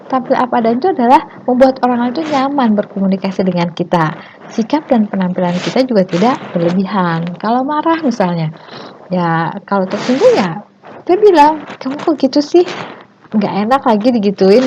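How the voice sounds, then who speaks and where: Woman teacher, casual lesson, chatty tag phrases, mellow tone, muffled faint hiss. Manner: acts out overdone greetings in a high squeal. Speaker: teacher giving self-development tips. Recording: muffled low-fidelity sound with faint hiss.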